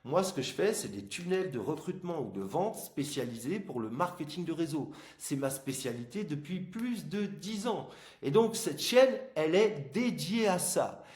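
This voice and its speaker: Homme à la diction gênée par une gouttière. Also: male voice, on the high side, animated, normal speed, a little mellow. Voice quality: slightly impeded articulation from plastic orthodontic aligners. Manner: informal, emphatic, addresses the viewer directly with examples. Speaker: host of an online marketing channel. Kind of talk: casual explanatory video talk. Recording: echoey room.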